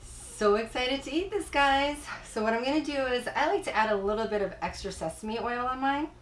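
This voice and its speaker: On a cooking channel she runs, a woman with a voice on the high side talks fairly quickly, chatty and excited, cooking, tasting, and calling viewers guys. The rough recording carries a little hiss or hum.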